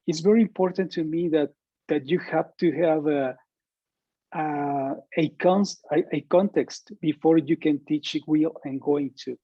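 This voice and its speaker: A male student answering haltingly, searching for words with many fillers. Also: fairly high pitch, steady tone, slightly rough, no echo. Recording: dry muffled lo-fi recording.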